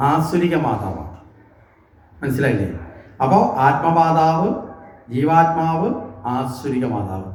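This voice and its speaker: A man's voice: fairly high pitch, roomy sound. A man giving a devotional scripture discourse at a temple, often asking the listeners questions and answering them himself. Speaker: religious discourse speaker. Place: temple hall.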